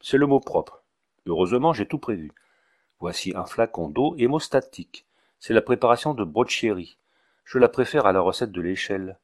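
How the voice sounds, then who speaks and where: A man's voice: fairly low pitch, expressive, normal speed, lightly acted. Man doing a pompous village doctor. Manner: pompous, ceremonious speech. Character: fussy, long-winded male village doctor.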